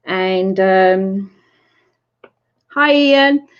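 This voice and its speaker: Middle-aged Essex woman, medium pitch, chatty livestream host greeting fans, muffled lo-fi audio. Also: extremely slow, clean tone. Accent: Essex English. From Essex, England. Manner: chatty, greets viewers by name, laughs often. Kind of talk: casual livestream chat. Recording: slightly muffled lo-fi stream audio.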